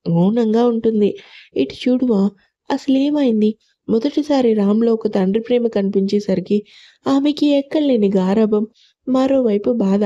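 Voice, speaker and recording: A woman storyteller narrating an audio love story in a calm, even reading. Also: fairly high pitch, moderate pace, highs cut off.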